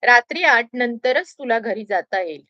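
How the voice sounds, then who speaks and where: Woman narrator doing a caring senior clerk in a storybook reading, gruff tone, dry and bright. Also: fairly high pitch, animated, normal speed, no echo, dull audio. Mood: instructive. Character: kindly senior shop worker, grown man.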